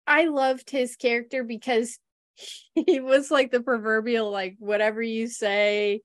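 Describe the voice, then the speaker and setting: A woman's voice: a little high, fairly even intonation, a little slow, dry recording, studio quality. A woman hosting a podcast, telling a story with a chatty, laughing manner, full of "like". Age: adult with a husband. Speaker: podcast host. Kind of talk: casual chat about movies.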